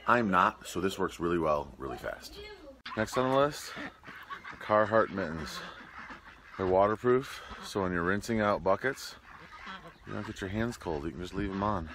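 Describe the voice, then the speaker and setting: A man's voice: low voice, lively intonation, normal speed, long pauses, a bit bright. A man in his thirties with a Midwestern American accent, filming himself at arm's length at home as he chats his way through a gift list for his vlog. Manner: chatty and jokey, with plain product talk. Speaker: homestead vlogger. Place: home rooms and a garage, indoors. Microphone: handheld camera at arm's length.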